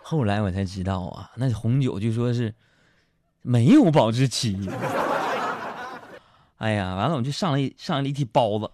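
A man, a radio host telling comic stories in a lively way with asides to his listeners. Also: mid-range voice. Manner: lively storytelling with quick jokes and asides to listeners. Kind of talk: comic monologue.

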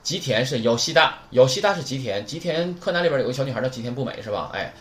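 A man's voice: mid-range voice, fast talker. A man teaching a beginner vocabulary lesson in a chatty, teasing way. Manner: lively, chatty, teasing asides. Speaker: Japanese teacher.

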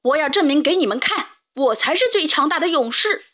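A woman's voice: high voice, expressive, brisk, a bit bright, voice pushed up. A woman voicing a huge, mean male giant in a storybook, bellowing boasts. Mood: menacing.

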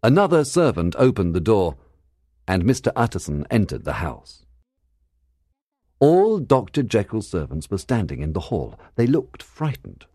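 A man with a very deep, husky voice narrates an audiobook for learners, his pitch rising and falling expressively. The delivery is clear and measured, with a dry close studio sound. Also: huge pitch swings, warm tone, no echo.

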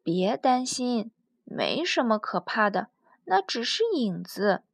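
A woman's voice: a little high, very animated, slow pace, creaky, no echo, clean studio sound, heavily acted. A woman voicing a brave, cheerful young sea explorer who reassures his friends. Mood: reassuring. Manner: bold, reassuring.

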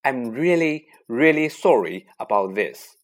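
Guy reading as a clever schoolgirl, earnest and apologetic, bouncy pitch. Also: animated, a little slow, lightly acted.

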